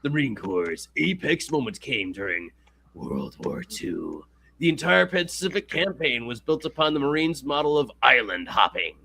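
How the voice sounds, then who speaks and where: A man's voice: mid-range voice, sing-song, normal speed, creaky, sharp tone. A man hosting a casual stream, reading an article aloud, jokey and rambling, laughing often. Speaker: stream host.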